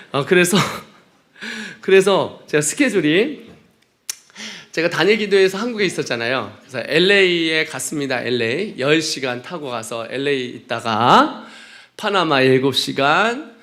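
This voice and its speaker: A male missionary preacher from Chungcheong who speaks with a Gyeongsang dialect. He gives a humorous testimony sermon in a joking, playful way, in a high voice that leaps up and down with animation. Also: fairly bright tone. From Chungcheong, South Korea.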